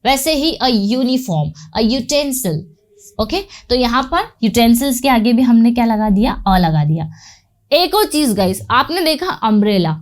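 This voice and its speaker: A woman with an Indian accent teaching an English grammar lesson, explaining step by step and asking and answering her own questions. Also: a little high.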